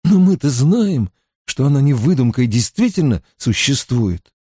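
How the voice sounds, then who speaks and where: A man's voice: mid-range voice, very animated, moderate pace, mellow, husky, dry recording, studio quality. A man voicing an anxious young novice girl. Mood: indignant.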